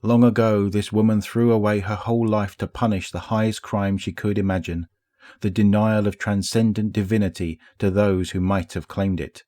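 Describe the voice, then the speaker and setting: A man narrates game lore as an audiobook with a measured, steady pace. His voice sits low. The recording is dry and close to the mic. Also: no echo.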